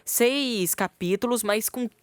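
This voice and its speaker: A woman co-hosting a radio podcast chats casually about the Bible from a radio studio, laughing often. Her voice is a little high and clean-toned, and she takes it slowly. The recording is dry, clean studio sound.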